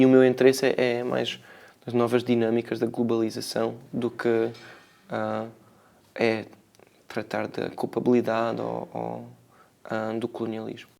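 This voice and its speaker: Creaky-voiced Portuguese man, thoughtful and halting. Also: medium pitch, a little mellow. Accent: European Portuguese. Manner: hesitant, reflective, searching for words, frequent tag questions. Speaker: filmmaker being interviewed. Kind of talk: spontaneous interview answers.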